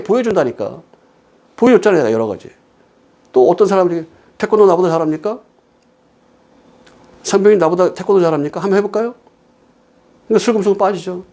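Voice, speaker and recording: A man's voice: sits high, darkish tone. A middle-aged man giving a conversational sermon, telling stories with quoted dialogue and firing off emphatic rhetorical questions. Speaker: pastor critiquing sermons.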